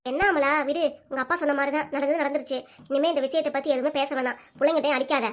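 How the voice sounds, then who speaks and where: A woman voicing a soothing grandmother who calms things down, with a southern Tamil accent. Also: sits high, very fast, lightly acted. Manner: calming, coaxing.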